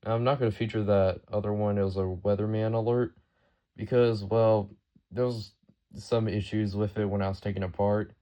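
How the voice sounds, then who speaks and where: In an improvised, casual show-and-tell, a man hosting a video walks through his weather radio collection. He speaks at a moderate pace in a fairly low, steady voice, and the audio is dull.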